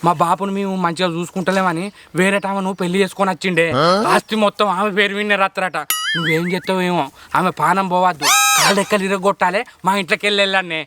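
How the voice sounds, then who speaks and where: A man's voice: sits high, fairly even intonation, very fast, a little hiss or hum. An actor with a Telangana accent playing a hot-tempered grown son who is a drinker, wailing over his dead mother in a repetitive lament. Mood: scheming. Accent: Telangana Telugu. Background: loud background music.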